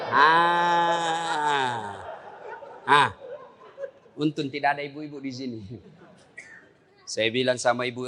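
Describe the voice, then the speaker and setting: A middle-aged man with a South Sulawesi accent preaching a comic sermon, animated and joking, swinging between high and low registers. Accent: South Sulawesi (Makassar) Indonesian. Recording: long hall reverb.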